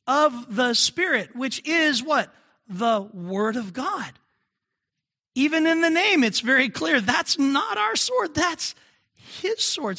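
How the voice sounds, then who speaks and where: A man's voice: very high voice, sharp tone, breathy edge. A male pastor giving a conversational sermon, often asking the congregation questions.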